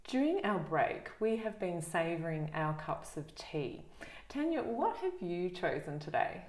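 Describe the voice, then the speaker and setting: A middle-aged woman hosting an interview, speaking gently and reflectively with frequent pauses and fillers. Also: fairly low pitch, sing-song, roomy sound. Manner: gentle, reflective, with many ums and uhs. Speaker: host. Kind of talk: conversational interview.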